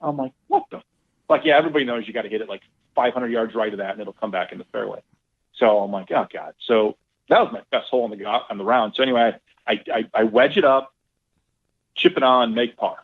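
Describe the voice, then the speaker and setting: A man's voice: medium pitch, fast talker, slightly rough. Man telling a story over a tinny line. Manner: animated, swearing, acts out quoted dialogue. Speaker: guest, golf club owner. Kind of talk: casual storytelling.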